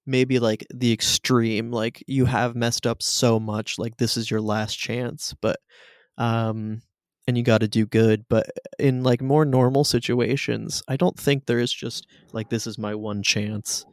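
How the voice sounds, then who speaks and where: Gravelly man chatting on a podcast. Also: mid-range voice, flat delivery, unhurried, no room sound, studio quality. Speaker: podcast host. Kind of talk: casual podcast discussion.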